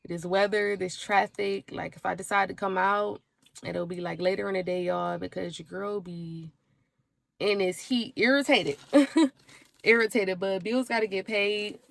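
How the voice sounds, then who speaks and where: A woman's voice: medium pitch, a little slow, gravelly, no echo. Emotional young woman vlogger, dry sound. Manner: emotional, animated storytelling with laughs. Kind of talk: casual chat to camera.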